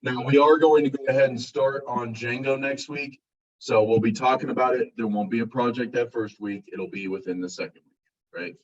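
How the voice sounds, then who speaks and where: A male college instructor giving a casual classroom lecture, relaxed and self-described as monotone. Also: medium pitch, normal speed. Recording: muffled, distant classroom recording.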